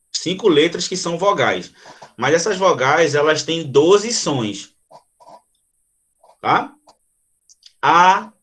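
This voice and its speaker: During a live online lesson, a Portuguese teacher with a slightly high voice demonstrates the sounds himself. He keeps checking in with viewers and responds to their comments as they arrive.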